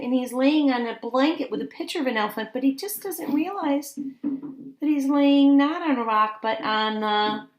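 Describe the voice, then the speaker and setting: A woman with a fairly high voice reads a picture book to young children in a teacher's role. She stops now and then for simple questions and exclamations.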